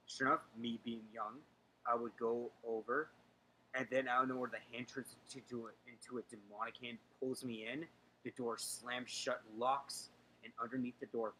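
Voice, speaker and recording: Bright-voiced young man telling a ghost story. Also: mid-range voice, little pitch movement, normal speed, slight background noise, low-quality recording. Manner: hesitant, dramatic, lots of fillers and restarts. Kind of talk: casual storytelling on a livestream call.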